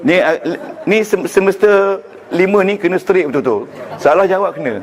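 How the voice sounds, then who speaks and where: A religious teacher with a Malaysian Malay accent and a high, animated voice teaches Arabic grammar at normal speed in a lecture room. He jokes and quizzes his students as he goes, with crowd noise in the background.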